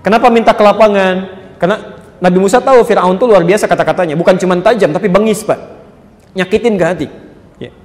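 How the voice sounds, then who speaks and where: A man preaching a sermon to a live audience, lively, addressing listeners as sir and madam and acting out quoted prayers and dialogues. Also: sits high, fast talker. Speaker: Islamic preacher. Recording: echoey hall with faint ambience.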